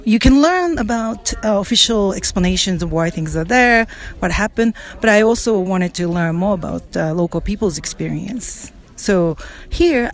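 A woman from Japan, a native Japanese speaker and researcher, talking thoughtfully in an interview. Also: mid-range voice. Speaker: researcher at an event. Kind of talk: interview statement.

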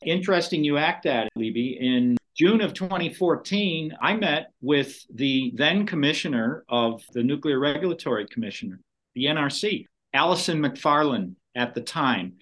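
A male scientist guest explains his technical findings step by step in a methodical way. His voice sits at an ordinary middle pitch. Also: a bit bright. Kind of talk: interview answers.

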